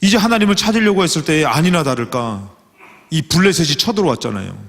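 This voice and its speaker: Guy pastor preaching, kinda high voice, long church reverb, acts out the prayers. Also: fast. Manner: animated, acts out quoted prayers and speech. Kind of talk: sermon to a youth service. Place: church sanctuary.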